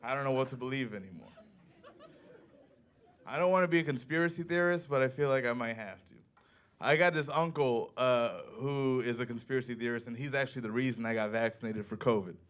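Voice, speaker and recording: A man doing a stand-up set in a comedy club, telling stories in a deadpan way and acting out the people he quotes. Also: medium pitch, fairly quick. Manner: deadpan storytelling with acted-out quotes.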